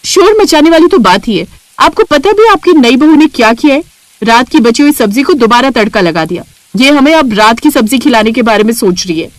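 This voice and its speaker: A woman voicing a haughty elder sister-in-law in a cartoon, loud and scolding. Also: low voice, moderate pace, hardly any pauses, breathy edge, no room sound, voice pushed down. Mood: angry.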